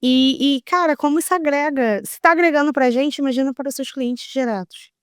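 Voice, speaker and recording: A woman's voice: high voice, fairly quick, no echo, clean studio sound. A woman co-hosting an interview podcast who speaks in a reflective, conversational way. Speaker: podcast host.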